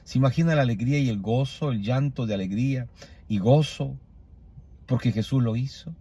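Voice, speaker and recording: A man preaching a sermon, telling a personal testimony in an emotional, soft and intimate way. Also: mid-range voice, normal speed, husky.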